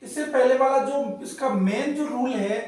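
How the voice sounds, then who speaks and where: A man's voice: very high voice, darkish tone. A man teaching English pronunciation to learners, drawing out each example word and asking them questions. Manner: slow, drawn-out example words, asks learners questions. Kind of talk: classroom lesson. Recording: very echoey room, voice from far off.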